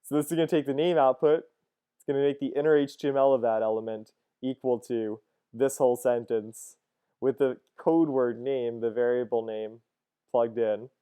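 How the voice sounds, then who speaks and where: A man's voice: medium pitch, flat delivery, normal speed, dark tone, clean tone. A man in his thirties teaching a coding lesson over a screen recording, casual and thinking aloud, with fillers and "cool, cool". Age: 30s.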